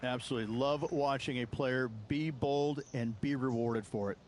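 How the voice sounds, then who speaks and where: An actor playing a golf analyst in a video game broadcast, explaining things in a conversational golf commentary style. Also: male voice, mid-range voice, moderate pace, lightly acted. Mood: approving, explanatory. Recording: clear background noise.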